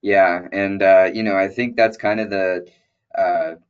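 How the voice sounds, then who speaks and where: A man's voice: low-pitched, steady tone, unhurried, clean tone, muffled recording. A man in his twenties hosting a webinar, asking questions hesitantly with many fillers. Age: 20s. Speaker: webinar host. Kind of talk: casual interview chat.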